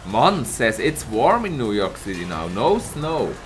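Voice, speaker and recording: His voice is on the low side and a little slow, with faint music in the background. Hoarse from a mild cold, the streamer casts a live esports tournament and replies to chat, upbeat, laughing often and naming viewers as he greets them.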